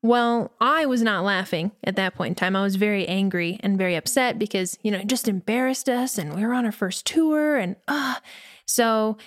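A woman from New Mexico, a musician being interviewed, telling a story in a lively way and acting out the quotes. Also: mid-range voice, moderate pace, no room sound. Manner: lively, acts out quotes with voices. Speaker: musician guest.

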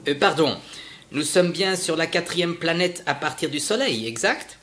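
A man reading aloud and voicing a cheerful, eager spaceship captain who talks brightly. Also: fairly high pitch, animated, moderate pace, pitched above the performer's own voice.

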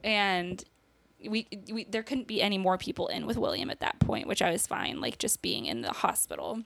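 A woman's voice: medium pitch, sing-song, moderate pace, gravelly, background noise. A young woman guest on a podcast, telling a personal story in casual conversation, laughing nervously and acting out what people said. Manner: acts out quoted dialogue.

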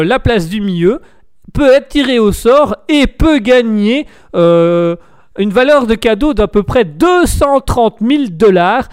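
A tired male host riffing on strange news items in a jokey, rambling way, often stumbling and correcting himself. His voice is high and clean. It is recorded close and dry, with no room sound. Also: darkish tone, clear, resonant tone, no room sound. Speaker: host of a live call-in show. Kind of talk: jokey live show news commentary.

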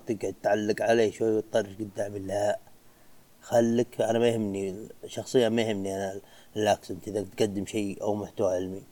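A man's voice: lowish voice, dark tone. A young man, a physiotherapy trainee giving casual advice and dropping in English phrases. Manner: chatty, mixes in English phrases.

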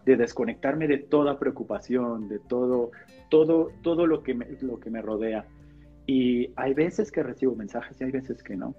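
A man who is a pastor, sharing a personal testimony in a casual podcast conversation, animated and acting out the dialogue. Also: medium pitch, slightly rough. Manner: animated storyteller, acts out dialogue. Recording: slightly dull podcast audio with faint guitar music.

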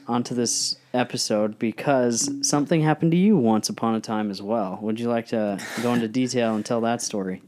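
A man's voice: mid-range voice, a little mellow. A young man hosting a casual chat, telling a story about himself with a laughing, self-deprecating manner. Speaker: podcast co-host.

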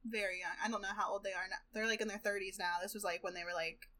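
A woman's voice: medium pitch, fairly even intonation, fast, pushed and bright. A woman co-hosting a casual podcast chat, chatty and wry and often laughing. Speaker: podcast co-host.

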